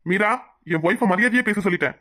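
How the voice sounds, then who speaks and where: Someone voicing a curt angry young guy in a cartoon love drama, talks fast. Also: medium pitch, a bit bright, close to an everyday voice. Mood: accusing. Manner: curt, accusing. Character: hot-headed young man torn between two women. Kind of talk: cartoon voice acting.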